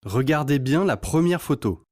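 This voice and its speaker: A man's voice: a little high, lively intonation, moderate pace, a little mellow, dry recording, clean studio sound. A man reading answer options for a listening exam in a plain, neutral way. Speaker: exam item reader.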